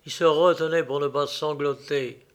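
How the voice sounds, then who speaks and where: A man reading a novel aloud as narrator in a measured, even way. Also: on the high side.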